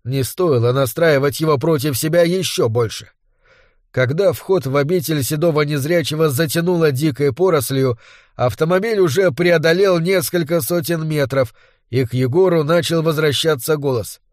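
A man narrating an audiobook with a fairly high-pitched voice. He reads in a measured, dramatic way, and the sound is close and dry, with no room echo. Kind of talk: scripted narration.

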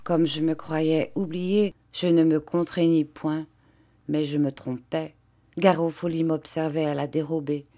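Slow, low-voiced woman reading an audiobook. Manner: measured, calm reading. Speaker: audiobook reader. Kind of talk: scripted audiobook narration.

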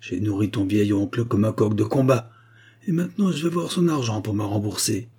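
A male reader voicing a grasping, bad-tempered grocer from a storybook. He snarls and shouts over his claim. The voice is raised, mellow and husky. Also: on the low side, brisk.

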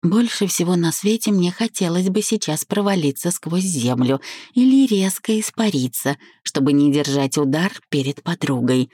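A woman reads a first-person novel aloud, expressive and measured. Her voice sits low and husky with a mellow, dark tone. The recording is dry and close. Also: no room sound. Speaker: audiobook narrator.

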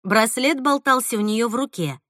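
A woman's voice: a little high, normal speed, sharp tone, no room sound, studio quality. A woman narrating an audiobook expressively, acting out the characters' voices. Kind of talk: audiobook reading.

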